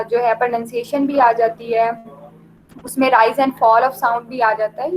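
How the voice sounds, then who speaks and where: A woman teaching an online lecture, explaining slowly with many fillers and mixing English terms into her Hindi. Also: a little high, slight background noise, low-quality recording.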